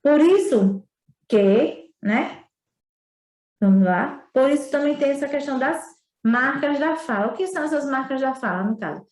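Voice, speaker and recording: A woman's voice: sits high, animated, moderate pace, darkish tone, reverberant. A woman teacher with a northeastern Brazilian accent, explaining a remote school lesson with frequent tag questions. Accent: Brazilian Portuguese, northeastern.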